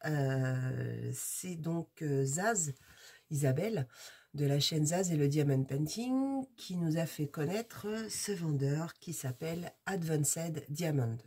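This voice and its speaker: A woman's voice: deep voice, warm tone, husky. A woman from France, a crafts YouTuber, chatting casually and rambling through a product unboxing with many hesitations.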